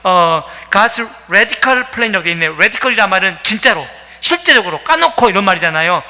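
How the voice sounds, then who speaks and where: A man's voice: high-pitched, lively intonation, normal speed, sharp tone. A man preaching a sermon as pastor, telling a story with many fillers and acting out the quoted voices. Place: church sanctuary. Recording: long reverb of a church hall.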